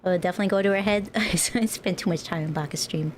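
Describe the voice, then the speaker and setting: A woman's voice: on the low side, fast, slight background noise. Playful woman streamer, cute anime style. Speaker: livestreamer, VTuber host. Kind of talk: casual livestream chat while playing a game. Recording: music playing behind the voice.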